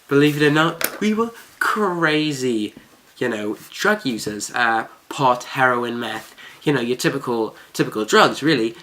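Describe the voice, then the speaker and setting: A vlogger telling an exaggerated, mock-serious story to viewers, with drawn-out emphasis. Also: medium pitch, expressive, fairly bright tone. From Melbourne, Australia. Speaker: video host. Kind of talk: vlog storytime, addressed to viewers.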